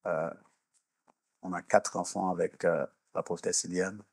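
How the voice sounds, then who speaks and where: A mature man born in Haiti and raised in Canada, a minister and executive coach, speaks as an interview guest in a deep, gravelly, level voice. His talk is deliberate and measured, blending interview answers with preaching-style explanation, on a dry recording.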